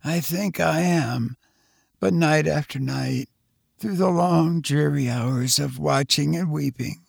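Man reading a mourning woman, low deep voice, desperate pleading, slow words, gravelly edge, storybook. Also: no echo, studio quality, full character voice. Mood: anguished. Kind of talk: audiobook character voice.

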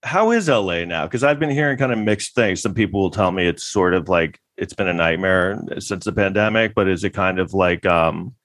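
A man's voice: low voice, normal speed, hardly any pauses, a bit bright, no room sound. A man co-hosting a comedy podcast, talking in a loose, joking, rambling way. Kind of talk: casual joking chat.

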